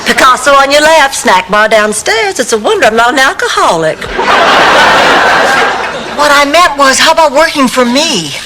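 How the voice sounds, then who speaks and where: A woman's voice: high voice, sing-song, moderate pace, very noisy. A woman playing a naive, chatty, earnest middle-aged character in a sitcom. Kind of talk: sitcom acting.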